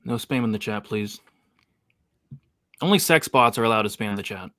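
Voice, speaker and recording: A man's voice: lowish voice, normal speed, fairly bright tone, dry recording, clean studio sound. A man hosting a live fight watch-along, chatty and hyped, reading the chat aloud. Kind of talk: casual live-stream chat.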